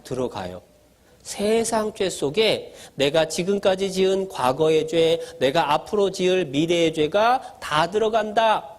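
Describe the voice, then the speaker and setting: Fairly high-voiced pastor preaching to children. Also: male voice, lively intonation, unhurried. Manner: asks the children questions and answers them himself; explains simply, in a playful storytelling way. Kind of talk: children's sermon. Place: church gathering for children.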